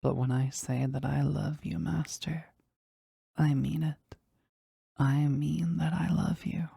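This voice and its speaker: An actor gives a full character voice to a powerful demon bound to a sorcerer, devoted and lovestruck, in an intimate romantic audio roleplay. His medium-pitched voice is level, dark, husky, breathy and gravelly, often dropping to a whisper. He speaks formally, slowly and tenderly, earnest and yearning, halting with emotion, in studio-quality sound with no echo.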